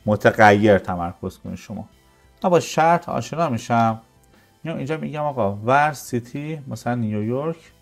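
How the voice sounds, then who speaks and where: Man teaching code over soft music. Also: mid-range voice, creaky. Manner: explains step by step, asks and answers his own questions. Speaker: programming teacher. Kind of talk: screen-recorded coding tutorial.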